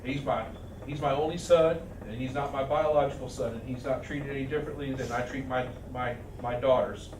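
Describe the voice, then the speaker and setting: A man speaking at a memorial, halting with many restarts and fillers. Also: mid-range voice, steady tone. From Arizona. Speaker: eulogy speaker. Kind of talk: memorial speech. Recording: echoey hall from far off, noisy.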